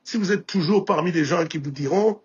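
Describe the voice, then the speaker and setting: Very husky Burkinabé man telling stories. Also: a little high, fairly quick, dull audio. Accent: Burkinabé French. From Burkina Faso. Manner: anecdotal, with frequent restarts and filler. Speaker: interview guest, entrepreneur. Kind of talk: casual storytelling interview.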